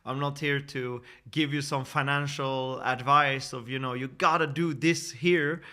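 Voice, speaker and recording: A man in his thirties from Sweden talks through a screen-share sales pitch, earnest and persuasive. His voice is bright and forward, mid-pitched for a man, and he often restarts words and fills gaps with "uh". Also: fairly even intonation, measured pace. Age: 30s. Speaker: network marketing presenter.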